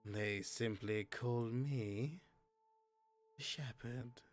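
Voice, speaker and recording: A man voicing a sly, courtly skeleton guide of the dead, in a slow, hushed, insinuating murmur. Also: medium pitch, faint music behind. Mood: hushed, ominous.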